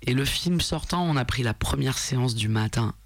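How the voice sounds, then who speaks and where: A man talks in a relaxed discussion, pausing and restarting as he gathers his thoughts. His voice has a gravelly edge, and the recording is dry and close, with a middle pitch. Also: dry recording. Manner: hesitant, thoughtful, with fillers. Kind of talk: casual discussion.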